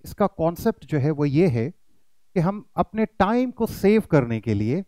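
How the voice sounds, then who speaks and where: A man's voice: a little high, very animated, measured pace, dark tone, no echo, low-quality recording. A man teaching pronunciation in an online lesson, addressing his students as kids and demonstrating rising and falling intonation.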